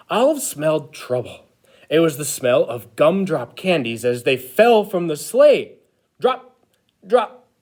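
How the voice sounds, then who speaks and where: A man playing an eager, childlike Christmas elf who reads a picture book to children in an expressive, exaggerated way. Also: fairly high pitch. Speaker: storyteller reading to children. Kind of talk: animated picture-book read-aloud.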